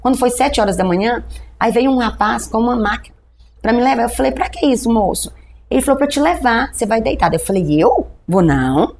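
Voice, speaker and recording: Middle-aged Brazilian woman pastor, rapid lively storyteller, acts out the dialogue, faint background noise. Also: fairly high pitch, creaky. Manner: animated storytelling, acting out dialogue with a doctor. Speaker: pastor, guest telling her testimony. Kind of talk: testimony in a podcast interview.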